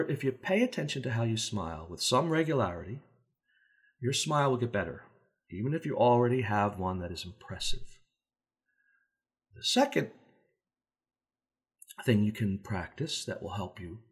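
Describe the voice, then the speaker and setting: A man speaking as a safety trainer in a relaxed, conversational teaching talk, using everyday examples and briefly acting out voices. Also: on the low side, normal speed, long pauses. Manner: acts out contrasting voices to make points.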